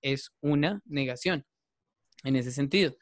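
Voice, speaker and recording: A man's voice: mid-range voice, a little slow, no room sound, clean studio sound. A man teaching an English grammar class, explaining patiently and repeating himself, often checking in with his students. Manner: patient, repetitive, checks in with "¿listo?".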